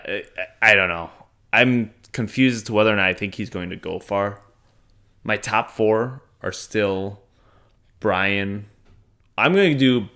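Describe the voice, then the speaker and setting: A man's voice: on the low side, pushed and bright, clean tone. A man co-hosting a podcast in casual chat, joking and laughing often. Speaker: podcast co-host.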